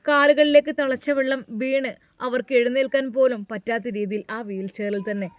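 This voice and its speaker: A woman's voice: sits high, steady tone, fairly quick. A woman with a Malabar accent narrating a moral story dramatically. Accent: Malabar Malayalam.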